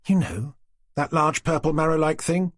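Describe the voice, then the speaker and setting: A woman's voice: low voice, moderate pace, no echo, clean studio sound, pitched above the performer's own voice. A man voicing a cheerful pregnant woman chatting on the phone, in a chatty, teasing manner.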